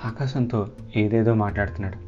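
Low-voiced man narrating a story. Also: steady tone, fairly quick. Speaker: podcast host and narrator. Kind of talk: first-person story narration. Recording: slightly dull, soft guitar behind.

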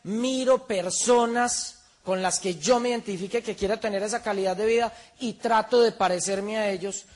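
Man, high-pitched voice, motivational seminar speaker, emphatic, rhetorical questions. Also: normal speed.

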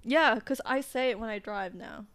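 A woman's voice: fairly high pitch, normal speed, a bit bright, no echo. A young woman co-hosting a podcast, chatting casually and giggling often. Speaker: podcast co-host. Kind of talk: casual chat.

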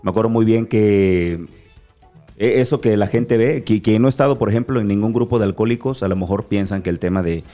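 Low, mellow man from Acapulco. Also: fairly quick, faint music behind. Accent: Mexican Spanish, from Acapulco. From Mexico. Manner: animated storyteller, acts out dialogue. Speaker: motivational speaker, guest. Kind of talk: conversational interview storytelling.

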